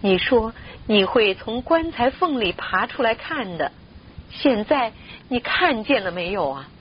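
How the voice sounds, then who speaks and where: A woman storyteller giving voice to a widowed mother who addresses her relatives in a solemn, measured way. Her fairly low voice moves through a lively pitch range. The sound is a little muffled, with a faint hiss. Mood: wailing.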